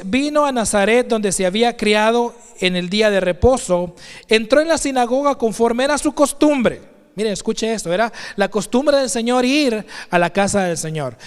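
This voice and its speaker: High-voiced preacher in an echoing church. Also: male voice, clean tone. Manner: earnest, addresses congregation directly, rising emphatic pitch. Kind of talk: sermon. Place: church sanctuary. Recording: long hall reverb of a church.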